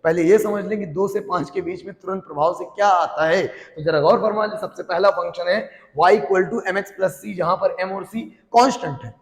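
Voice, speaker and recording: A man's voice: high voice, moderate pace, few pauses, reverberant, long reverb tail. A man teaching a physics class, answering his own playful questions in a call-and-response way. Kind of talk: classroom lecture.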